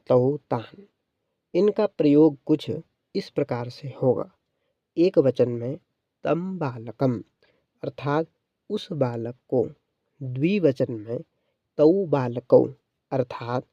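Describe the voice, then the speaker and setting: A man teaches a grammar lesson at an unhurried pace, drawing out each word form as he recites it. His voice is deep, mellow and dark. The recording is dull, lo-fi and dry. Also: no room sound. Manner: measured, drawn-out recitation of forms. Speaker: Sanskrit teacher. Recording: dull, lo-fi sound.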